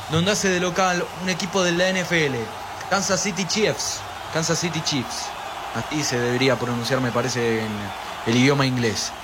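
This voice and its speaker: High-voiced Argentine man hyping a stream. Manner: animated, reads viewer chat aloud, pushes for likes. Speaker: football stream narrator. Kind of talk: live pre-match stream commentary. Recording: steady background noise.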